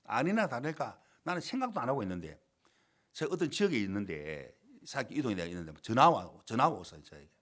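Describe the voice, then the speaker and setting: A middle-aged male pastor preaching a sermon in a church, telling a story with dramatic swings between loud and quiet. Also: mid-range voice, big pitch swings, quick pace. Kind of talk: sermon with acted-out quotes. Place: church sanctuary.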